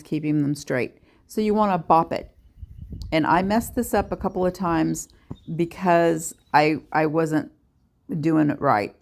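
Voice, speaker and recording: A woman's voice: low voice, creaky, a little mellow. A woman giving a chatty, self-deprecating nail art tutorial in a casual voice-over.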